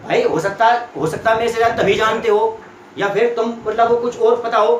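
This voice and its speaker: A man's voice: very high voice, fairly even intonation, brisk, a little hiss or hum. Young man, classroom tutor, repetitive check-ins, echoey room recording. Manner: repetitive, keeps checking students follow. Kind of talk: classroom lesson explaining chemistry. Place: small classroom with students.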